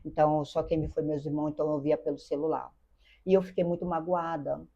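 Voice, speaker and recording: A woman's voice: low-pitched, level tone, fast talker, mellow, breathy edge. An older woman with a Brazilian Portuguese accent, a guest telling a personal story earnestly, repeating phrases and addressing the host by name. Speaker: interview guest. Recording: dull lo-fi sound.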